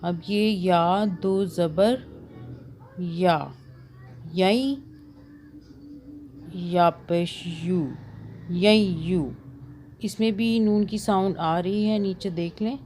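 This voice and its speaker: A woman from Pakistan teaches Quran reading in a slow, patient lesson. Her voice sits a little low, and she spells out and repeats syllables carefully. Faint background hiss runs under the recording. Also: warm tone.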